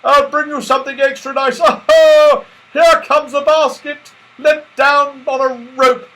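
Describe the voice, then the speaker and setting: A man voicing a jolly, excitable old Santa Claus in a storybook, exclaiming eagerly with delight. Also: very high-pitched, measured pace, pitched above the performer's own voice, rough recording.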